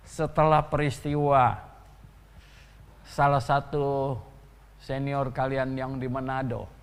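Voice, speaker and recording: A man pastor giving an animated sermon in a church, full of rhetorical questions and chuckling asides. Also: mid-range voice, big-room sound, a little hiss or hum.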